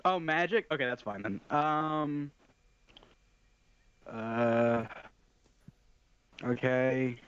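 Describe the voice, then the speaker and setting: A man's voice: mid-range voice, extremely slow, long pauses, fairly bright tone, smooth, muffled recording. A man chatting casually as a player in a tabletop game, hesitant and often stammering.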